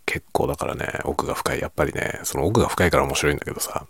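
Guy talking real quiet at night, super low gravelly voice, casual chat, close dry mic. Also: very fast, no echo. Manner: quiet, hushed low-volume talking as if at night, drifting into whisper. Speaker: video creator and host. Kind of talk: late-night casual soft-spoken chat.

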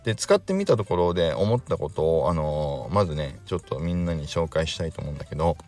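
A man's voice: low-pitched, lively intonation, quick pace, darkish tone, soft background music. A man hosting his own podcast, chatting casually and rambling with lots of fillers and self-amused asides. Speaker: podcast host. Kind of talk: casual solo chat.

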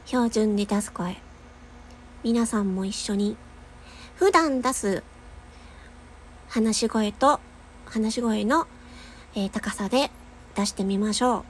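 A woman's voice: medium pitch, slow, pauses often, a little hiss or hum. A young adult woman with a nasal voice, giving a casual voice lesson while chatting, laughing often and demonstrating long sustained tones. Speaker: voice-training podcaster.

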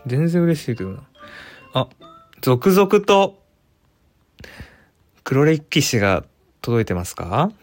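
Speaking slowly with long pauses, a Kansai-accented radio host with a medium-pitched voice runs a casual solo livestream over faint music. He's chatty and animated, reading listener messages aloud and musing with frequent fillers.

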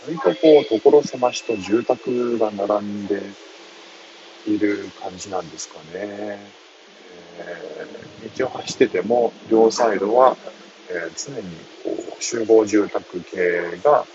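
A man with a very deep voice murmurs softly into his phone while riding a bus. He chats casually with his listeners, keeping his voice low. The audio is muffled, with steady bus noise behind him. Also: slow pace. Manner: mumbling quietly, reading listener comments. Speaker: live-stream host. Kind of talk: casual live chat. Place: on a moving city bus.

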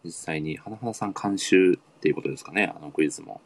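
A man's voice: deep voice, fast talker, gravelly, no room sound. A man hosting a casual online radio chat, eager and full of admiring interjections. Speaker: podcast host.

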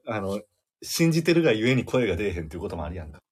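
A man with a Kansai accent, his voice low and a little husky, rattling through playful banter. His pitch swings a lot as he jokes with his co-hosts. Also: very animated, darkish tone. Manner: joking, quick Kansai-dialect chatter. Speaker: podcast co-host. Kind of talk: casual banter.

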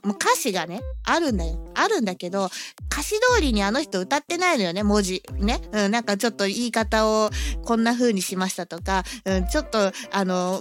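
Woman, casual solo chat, quick pace, faint background music. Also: medium pitch. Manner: chatty, laughing often, animated storytelling. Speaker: podcast host and hobby musician.

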